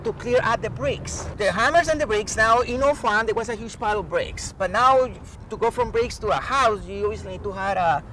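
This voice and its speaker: A Colombian man, a native Spanish speaker with a Colombian accent, speaks in a high, sharp voice, a little fast and with hardly any pauses. He is a professor and climate change expert, earnestly explaining things as a guest in an animated interview. The recording was made outdoors on a distant mic, with traffic noise clearly audible.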